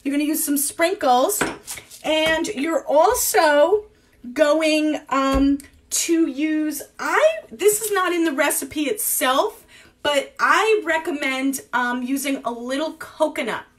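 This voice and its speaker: A woman's voice: high voice, slow. A woman in her forties teaching a live cooking class from her home kitchen, rambling and thinking aloud with lots of fillers.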